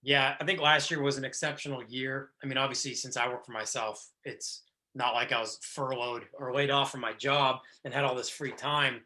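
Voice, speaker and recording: A man's voice: mid-range voice, fairly even intonation, moderate pace, bright, forceful tone. A man in his thirties hosting a podcast, talking casually and rambling with many restarts. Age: 30s. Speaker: podcast host. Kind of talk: casual chat.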